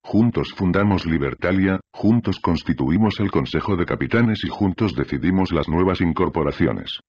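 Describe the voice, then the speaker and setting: A man's voice: low-pitched, lively intonation, moderate pace, darkish tone, breathy edge, muffled recording. A man voicing a proud, restrained ship captain with an ironic edge in an audiobook. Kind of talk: audiobook character reading.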